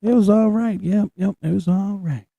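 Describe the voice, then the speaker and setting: A young man co-hosting a casual chat show, talking in an animated, excitable way and swearing freely. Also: high voice, moderate pace, gravelly, dry recording, lo-fi sound. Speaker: co-host.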